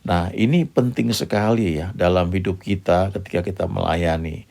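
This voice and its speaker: A man's voice: low-pitched, moderate pace, creaky, a little mellow. A man preaching a sermon, explaining patiently and checking in with his listeners with little "ya" asides.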